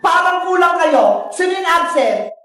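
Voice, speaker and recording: Isang babaeng gumagaya sa mahigpit na guro. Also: female voice, very high-pitched, expressive, moderate pace, fairly bright tone, heavy reverb, slight background noise. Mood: stern. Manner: stern, scolding. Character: strict female class teacher.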